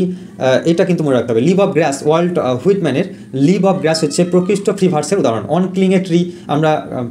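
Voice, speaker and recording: A male teacher with a high, mellow voice gives an exam-prep lesson. He explains in Bengali, slows right down to read English definitions, and fills his pauses with "ah" as he corrects himself. A faint hiss runs behind him. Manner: frequent fillers and self-corrections.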